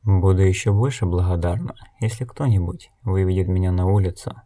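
A man reading an audiobook, voicing a calm, blind wandering woman who speaks in a measured, unhurried way. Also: sits low.

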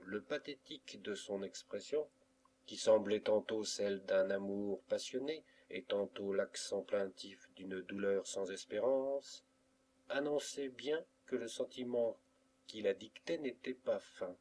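A man reading a classic novel aloud as an audiobook, in a measured literary way. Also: lowish voice, a little mellow. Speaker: audiobook reader. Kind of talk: scripted narration of a classic novel.

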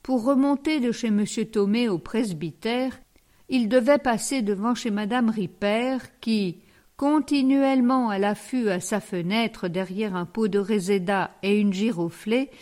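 A woman narrating a classic novel aloud in a measured storytelling manner. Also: fairly high pitch, a little mellow. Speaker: audiobook narrator.

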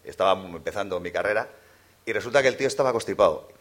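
A middle-aged man, a dubbing actor, chatting on a convention panel and telling anecdotes with quick imitations. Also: fairly low pitch. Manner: animated storyteller who slips into quick imitations. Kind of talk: casual panel chat.

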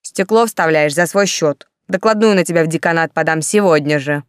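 A woman's voice: on the low side, brisk, no room sound, lightly acted. A woman voicing a furious stout middle-aged female dormitory warden who bellows and scolds, in a dry recording. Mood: threatening. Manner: bellowing, scolding, repeating accusations.

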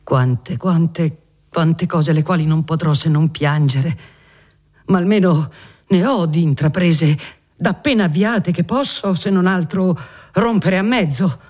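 A man voicing a once-violent nobleman, now remorseful, crying out in slow, wrought exclamations. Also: a little high, a little mellow, voice pushed up. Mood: anguished.

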